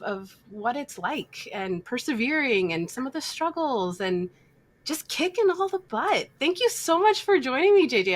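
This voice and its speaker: A woman's voice: fairly high pitch, a bit bright. A woman hosting a conference fireside chat as a games editor, enthusiastic and upbeat.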